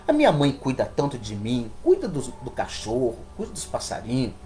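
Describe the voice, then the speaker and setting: A man voicing a seven-year-old boy who softly pleads with his father in a sermon story. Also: mid-range voice, huge pitch swings, moderate pace, faint music behind, pitched below the performer's own voice. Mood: pleading.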